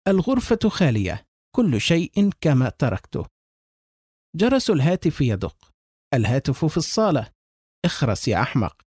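Man, horror story narration, suspenseful, husky dark voice, lively pitch. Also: dry recording, clean studio sound. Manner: tense, suspenseful delivery.

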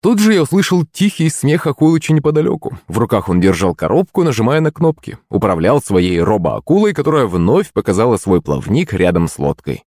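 A man narrating an audiobook in the first person, with lively storytelling. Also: on the low side, fairly quick, hardly any pauses, no echo, clean studio sound.

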